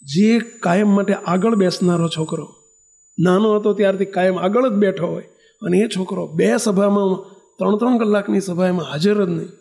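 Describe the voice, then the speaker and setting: A man's voice: high voice, normal speed, vocal fry, darkish tone. A man, a swami, telling a story in a sermon and addressing the devotees directly with rhetorical questions. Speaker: swami giving a religious discourse.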